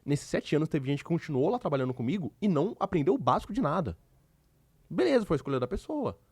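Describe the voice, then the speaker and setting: A man with a Brazilian Portuguese accent tells stories from his old job at a fast clip, his pitch rising and falling freely. He sounds emphatic and animated. The sound is dry and close. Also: husky, dry recording. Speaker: podcast guest. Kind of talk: casual interview storytelling.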